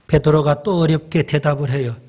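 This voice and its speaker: A male pastor preaching a sermon in a church, slow and deliberate, pausing for emphasis and addressing the congregation directly. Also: a little high, steady tone, warm tone.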